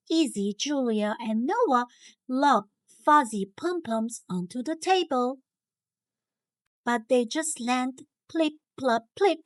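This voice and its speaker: High, dry woman's storybook read-aloud with cartoon intonation. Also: dry recording. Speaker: storybook reader. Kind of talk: animated children's read-aloud narration.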